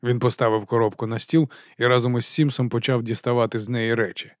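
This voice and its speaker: A man reading an audiobook in a measured, even storytelling manner. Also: mid-range voice, no echo, clean studio sound. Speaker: audiobook narrator. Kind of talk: scripted audiobook narration.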